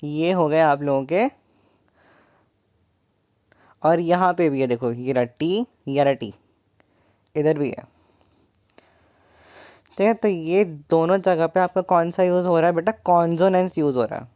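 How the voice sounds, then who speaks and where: A woman's voice: sits low, unhurried, pauses often, dark tone. A young woman teaching a poem in an online lesson, playful and joking, calling her students 'beta'.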